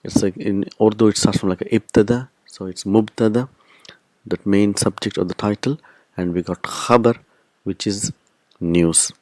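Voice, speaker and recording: A man's voice: on the low side, steady tone, moderate pace, a little mellow, no room sound. A man teaching a recorded language lesson, explaining step by step and repeating key terms. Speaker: Arabic teacher.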